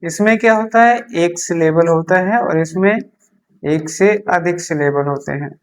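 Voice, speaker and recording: At normal speed and a medium pitch, a teacher explains beginner English in Hindi. The lesson involves repeating key terms, answering their own questions, and writing examples up on a board.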